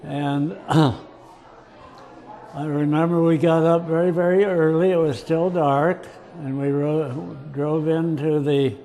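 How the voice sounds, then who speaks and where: Older guy telling an old story real slow, keeps clearing his throat, slightly high voice. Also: flat delivery, dark tone. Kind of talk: casual storytelling.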